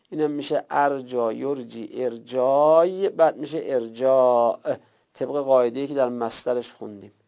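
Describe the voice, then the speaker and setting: A man teaching a class step by step, drawing out key terms slowly and checking his students' notes, heard on a dull lo-fi recording. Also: medium pitch, vocal fry, a little mellow. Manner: slow drawn-out repetition of terms. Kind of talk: classroom lesson on Arabic word roots.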